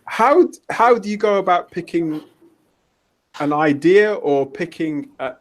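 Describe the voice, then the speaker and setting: A man hosting a podcast who asks long, halting questions and restarts his sentences midway. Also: high-pitched, lively intonation. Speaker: podcast host. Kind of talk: casual interview questions.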